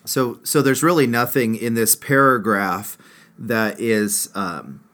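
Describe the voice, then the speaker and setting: A man hosting a theology discussion, asking the panelists questions in a halting way with fillers. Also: medium pitch, fairly bright tone. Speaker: host.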